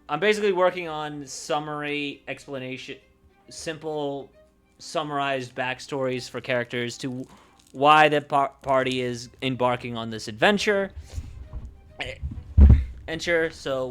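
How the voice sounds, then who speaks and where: With music in the background, a man runs a livestream as game master, reading summaries of the story and chatting. He often restates and corrects his words in a smooth, medium-pitched voice with a touch of brightness.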